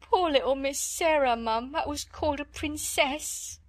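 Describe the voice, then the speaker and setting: A woman's voice: sits high, moderate pace, dry recording, pitched above the performer's own voice, natural voice. A woman voicing a timid, tearful young scullery maid who pleads in a servant's dialect. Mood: tearful pleading.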